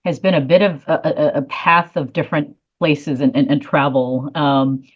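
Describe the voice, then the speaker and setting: A woman's voice: low voice, steady tone, moderate pace, breathy edge, dull audio. A woman from South Korea answering interview questions thoughtfully, with frequent fillers and restarts. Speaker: guest, leadership consultant.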